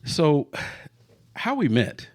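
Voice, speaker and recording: A man's voice: fairly high pitch, huge pitch swings, very slow, darkish tone. A man in his forties hosting a casual podcast chat with his wife, easygoing and laughing often. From Florida, US. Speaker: podcast host.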